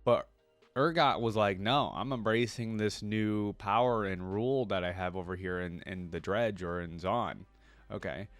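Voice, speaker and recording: A man with a lowish voice makes a reaction video, shifting between reading lore and informal commentary in which he pauses to explain and reflect. The recording is dry, with soft music in the background.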